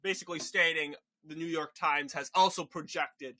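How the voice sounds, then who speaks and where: A young man of about twenty giving informal election night analysis as a channel host, in a halting, rambling way that often doubles back on itself. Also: fairly high pitch, steady tone, sharp tone. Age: young adult, about 20. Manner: halting, rambling, self-correcting.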